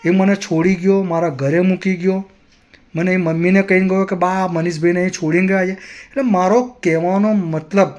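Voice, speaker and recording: A man's voice: high-pitched, darkish tone. A man vlogger telling a personal story in an earnest, moralizing way.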